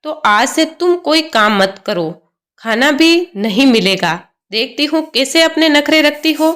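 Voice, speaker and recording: A woman's voice: sits high, animated, measured pace, a bit bright. A woman voicing a harsh, domineering older mother-in-law who scolds and gives orders. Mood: scolding. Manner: scolding, commanding.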